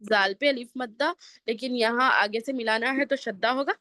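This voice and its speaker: A woman with a Pakistani Urdu accent teaching Quran recitation rules, methodically naming each letter and vowel mark in turn before reciting slowly. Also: a little high, pushed and bright, dry recording, clean studio sound. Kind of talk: tajweed lesson, spelling out rules then slow recitation.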